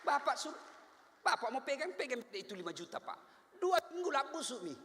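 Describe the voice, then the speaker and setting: A man with a very high-pitched, brisk voice and a Makassar Indonesian accent preaches a humorous Islamic sermon in a large, echoey hall. He is animated and jokey, acting out the voices of husbands and wives.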